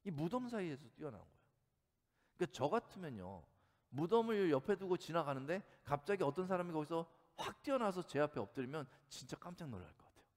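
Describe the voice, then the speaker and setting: A male pastor delivers a sermon in a chatty, storytelling way and keeps putting questions to his congregation. His slightly high voice rises and falls in a very animated way. The sound carries a long reverb from the church hall. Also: fast talker. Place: church sanctuary.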